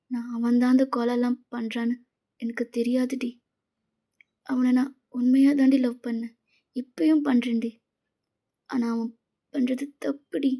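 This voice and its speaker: A woman's voice: high voice, mellow. A woman voicing a grieving young woman who speaks tearfully and pleads with her friend.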